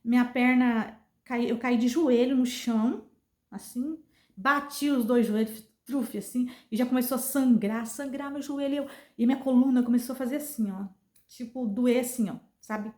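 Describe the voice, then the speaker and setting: A woman's voice: a little high, moderate pace, darkish tone. A woman with a Brazilian accent telling a personal story in a casual vlog, earnest and given to repeating herself. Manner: earnest, repetitive retelling. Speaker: vlogger. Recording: roomy echo.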